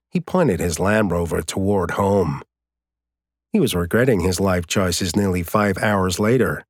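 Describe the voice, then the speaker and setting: A man narrating an audiobook in a steady, measured way, recorded close on a studio mic. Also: low voice, no room sound. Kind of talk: scripted narration.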